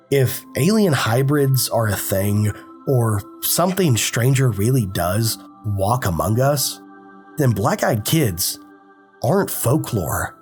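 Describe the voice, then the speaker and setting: A man with a sick voice, hosting a paranormal channel and narrating eerie stories in a dramatic, hushed way. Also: mid-range voice. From Appalachian foothills, US. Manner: dramatic, hushed storytelling with casual asides. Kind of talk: spooky storytelling narration.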